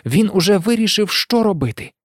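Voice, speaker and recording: A narrator reading an audiobook in an expressive, lively way. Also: medium pitch, brisk, no echo, clean studio sound.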